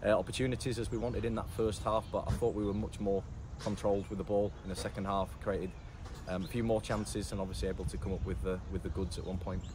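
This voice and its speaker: A man, a football manager giving a post-match interview in a measured way, often saying "obviously" and restarting his phrases. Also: fairly low pitch, level tone. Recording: loud outdoor noise with traffic.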